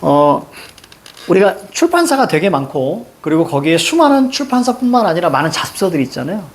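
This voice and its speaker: Lively teacher quizzing students. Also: medium pitch, a little fast. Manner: keeps checking in with short questions to students; recites poem lines in a sing-song lilt. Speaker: Korean literature teacher. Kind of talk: classroom lecture.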